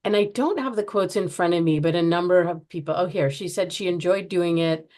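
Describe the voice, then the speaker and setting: An American woman, founder of a project, speaks earnestly as a podcast interview guest. Her lowish voice is a little mellow and a little fast, and she often restarts while searching for words.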